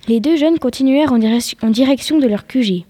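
Woman, story reader, slightly high voice, whispers in tense parts. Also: fairly quick, warm tone, no room sound. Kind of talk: reading a story aloud.

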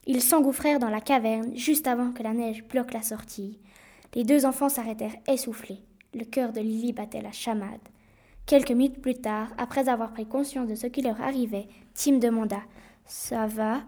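A woman reads a children's adventure story aloud in a high, clear voice. Her narration is expressive but steady, paced for young listeners. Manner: clear, expressive, even reading.

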